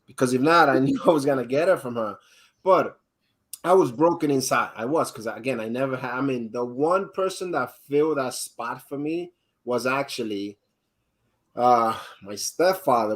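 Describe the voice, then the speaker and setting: A man from the Dominican Republic, a guest on a live interview, telling his own story in a halting way with many restarts and fillers. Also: medium pitch, a bit bright, poor audio. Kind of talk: candid personal storytelling.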